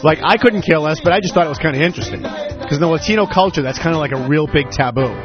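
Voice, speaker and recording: A man hosting a talk radio show, giving opinionated commentary with sarcastic, animated asides. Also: fairly high pitch, fast, dull audio, over music. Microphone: studio microphone.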